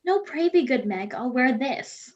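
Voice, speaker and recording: A bright young bride-to-be, read by a woman in an amateur online play reading. Her high voice swoops up and down with feeling. The sound is muffled and lo-fi, like an online call. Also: animated, a little slow. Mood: playful. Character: young noblewoman Hero, bride-to-be.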